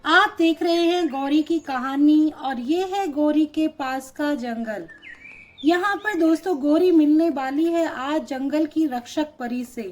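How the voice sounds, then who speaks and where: A woman hosting a doll story show, giving a measured, welcoming introduction. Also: high voice. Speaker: show host. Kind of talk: scripted introduction.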